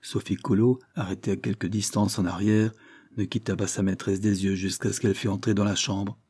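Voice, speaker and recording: Un homme lit un roman en narration posée, d'un ton égal. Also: male voice, fairly low pitch, little pitch movement, a little fast, mellow, husky, no echo. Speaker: audiobook narrator. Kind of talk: scripted narration of a Victorian novel.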